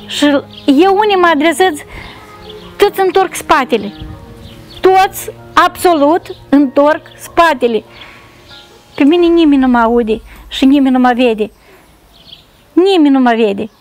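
A woman with a very high voice tells her family's story for a charity. She speaks in a pleading, repetitive way and comes back to the same phrases again and again. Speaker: mother seeking charity help. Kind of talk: emotional testimony.

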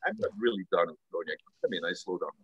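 A middle-aged man from Belgium, a guest telling stories in a relaxed way over a video call from his home study. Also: low voice, fast talker, breathy edge, highs cut off. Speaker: guest, cigar company executive.

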